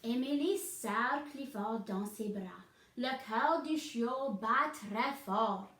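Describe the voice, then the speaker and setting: A woman reads a picture book aloud to children and stops now and then to explain it. Her voice is high and her pace unhurried, and the room gives a roomy echo. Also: a bit bright. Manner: pauses to explain the story. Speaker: reader.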